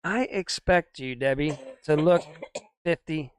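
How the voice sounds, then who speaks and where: Grumbling older man, smooth resonant voice. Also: a little high, unhurried, no echo, studio quality. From United States. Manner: grumbling, rambling opinions. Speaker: co-host. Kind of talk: casual couch chat.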